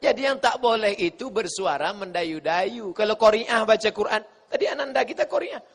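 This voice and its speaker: A male preacher gives an animated, joking sermon, acting out voices and chanting verses. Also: sits high, moderate pace, a little hiss or hum. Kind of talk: humorous sermon with Q&A. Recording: echoey hall.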